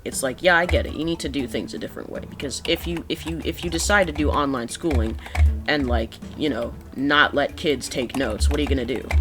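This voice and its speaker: Young gamer rambling and griping sarcastically, mid-pitched voice, music playing behind, casual gameplay commentary. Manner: complaining, griping in an exasperated, sarcastic way. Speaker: gaming video creator.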